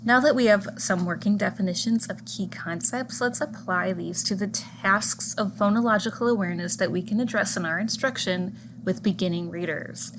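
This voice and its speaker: A woman narrating a scripted lecture on teaching reading, speaking in a measured, clear way that slows down for examples and individual sounds. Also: medium pitch. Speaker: teacher educator. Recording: audible background noise.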